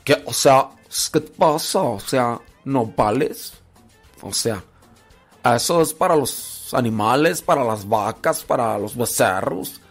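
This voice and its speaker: A man's voice: mid-range voice, animated, takes it slowly, soft background music. A man with a Mexican Spanish accent voicing a snobbish, stuck-up young man who haughtily scorns humble food and keeps repeating "o sea". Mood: scornful.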